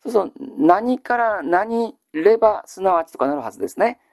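A man leads a classical reading lesson and patiently quizzes his listeners, then repeats each answer. His voice is gravelly and his pitch moves a lot. The sound is close and dry. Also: lively intonation, a little mellow, no echo. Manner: polite, measured lecturing with frequent fillers. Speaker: teacher.

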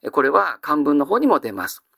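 A man teaching vocabulary in an exam-prep lecture, with a lively, animated pitch. His delivery is patient and explanatory, with frequent drawn-out fillers. The recording is dry and close. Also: creaky, husky, no room sound. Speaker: classical Japanese teacher.

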